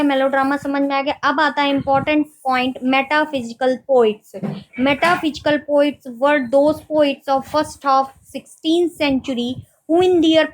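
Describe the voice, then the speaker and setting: A high-voiced woman gives an unhurried exam-prep lecture on literary terms in Hindi and English. She reads each definition slowly, then reviews it with quick questions, though the audio quality is poor.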